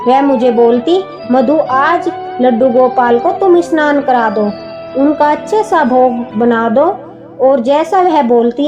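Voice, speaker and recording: A woman's voice: high-pitched, muffled recording. A woman narrating a devotional story in an earnest way, speaking to her listeners as devotees. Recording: background music under the voice.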